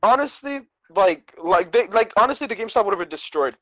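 A young adult man co-hosts a podcast, chatting casually and telling personal stories in slangy frat-bro talk packed with "bro" and "dude." His high-pitched voice is animated, brisk and fairly bright, captured in a low-quality recording.

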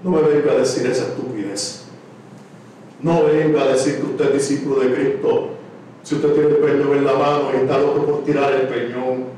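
Impassioned preacher in an echoey hall. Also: male voice, medium pitch, fairly even intonation, moderate pace, a little hiss or hum. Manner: impassioned, swings from shouting to hushed. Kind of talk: sermon. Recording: echoey, distant room mic.

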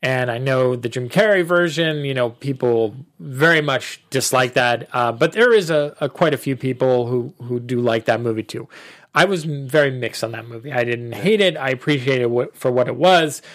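A man in his thirties hosting a casual film podcast, talking eagerly and repeating himself when he gets excited. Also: mid-range voice, moderate pace. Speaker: podcast host.

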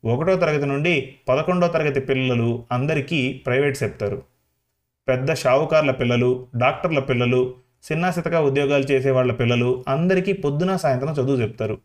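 A man's voice: medium pitch, fairly quick, lightly acted. A man voicing a folksy villager who chats directly to the listener. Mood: chatty. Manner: folksy, chatty, talks straight to the listener. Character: chatty rustic villager addressing the listener.

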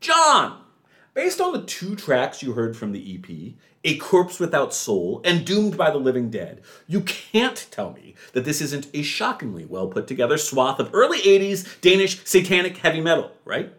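A man hosting a music podcast, talking with theatrical enthusiasm and jumping into high excited yelps. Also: moderate pace, few pauses. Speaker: podcast host.

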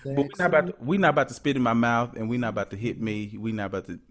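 A man's voice: mid-range voice, rapid-fire. A man co-hosting a podcast in casual chat, joking and telling stories with lots of expression. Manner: animated, joking, storytelling. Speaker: podcast co-host.

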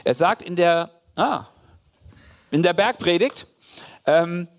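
A male pastor delivering a sermon in a conversational, direct way, often turning to the listeners with quick asides and fillers. His voice sits high and swings widely in pitch. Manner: animated, addresses listeners directly with frequent fillers.

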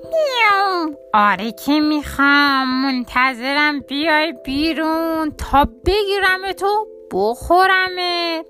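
A woman voicing a hungry, gullible male cat in a children's storybook, with drawn-out meows and a slow, loud delivery. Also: sits high, lively intonation, soft background music, voice pushed up. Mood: greedy.

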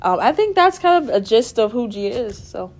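This young Bahamian woman, a music therapy student, chats casually as an interview guest, bubbly and full of laughs and fillers. Her voice is a little high with big pitch swings, her pace moderate, and there's slight background noise.

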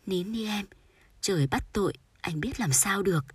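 A woman voicing a gentle, grieving middle-aged father who speaks softly and pleadingly. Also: medium pitch, animated, normal speed, slightly rough, no room sound. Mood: soothing.

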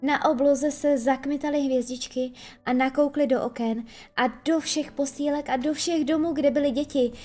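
A woman narrating a children's fairy tale as an audiobook, expressive and storytelling. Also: sits high. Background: faint background music.

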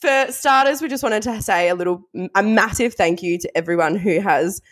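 Casting: female podcast co-host, Australian accent, slangy and self-mocking, swears freely, mid-range pitch, close dry sound. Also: moderate pace, dry recording. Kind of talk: casual chat.

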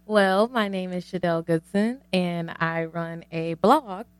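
A woman's voice: on the low side, slow, clear, resonant tone, no echo. A woman guest blogger answering interview questions in an earnest, explaining way.

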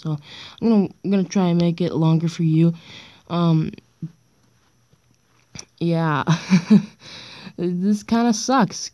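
A woman's voice: on the low side, dark tone, no echo, highs cut off. A young girl around sixth-grade age, with a stuffy nose, rambling hesitantly and self-deprecatingly in a casual solo podcast, recorded on a dictaphone. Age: child or young teen, around sixth grade. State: stuffy nose from being sick. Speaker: amateur podcaster. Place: indoors on a bedroom floor, late at night. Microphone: handheld voice recorder.

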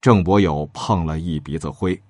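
A man telling a traditional tale with lively, dramatic delivery. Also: normal speed, no echo, studio quality. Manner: lively, dramatic, shifting pitch for characters. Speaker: storyteller. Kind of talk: storytelling narration with acted character lines.

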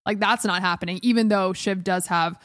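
A woman co-hosting a podcast, talking through a TV episode in a casual, animated way. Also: medium pitch, brisk, dry recording, clean studio sound. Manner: animated, quotes characters in passing. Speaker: podcast co-host. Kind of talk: casual TV recap chat.

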